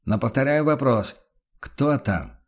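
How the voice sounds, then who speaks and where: Man reading a measured, firm inquisitor. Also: medium pitch, animated. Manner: measured, formal, cautious. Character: wary male inquisitor, calm and firm. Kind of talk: audiobook character voice.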